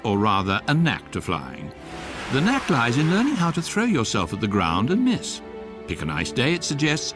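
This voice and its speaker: An actor with a fairly low male voice plays a wry electronic guidebook, narrating a comic science fiction radio drama in a measured, deadpan manner.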